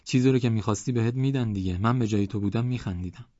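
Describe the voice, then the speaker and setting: A man's voice: lowish voice, dark tone, no echo, highs cut off, voice pushed up, close to an everyday voice. A man doing a nasal, teasing villager.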